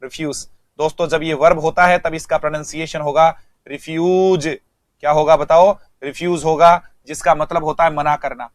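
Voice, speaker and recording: Fairly high-pitched, flat-toned male teacher. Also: moderate pace, no echo, clean studio sound. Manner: repeats words and quizzes students. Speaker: English teacher. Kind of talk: online exam-prep vocabulary lesson.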